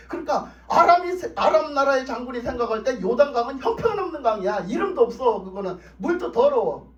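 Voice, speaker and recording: A man preaching a revival sermon in an emphatic, repetitive, colloquial way in a church. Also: very high voice. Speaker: pastor. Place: church sanctuary. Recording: roomy dull sound, mic at a distance.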